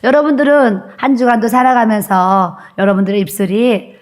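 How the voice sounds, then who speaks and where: A woman pastor giving a sermon in a church, earnest and conversational, pausing often with "uh" fillers. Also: on the high side, steady tone. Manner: earnest preaching with frequent "uh" fillers. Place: church sanctuary.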